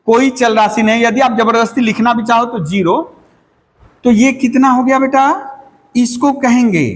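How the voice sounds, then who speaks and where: A man's voice: high voice, long reverb tail. A man teaching a maths lesson to students, asking them questions and answering them himself.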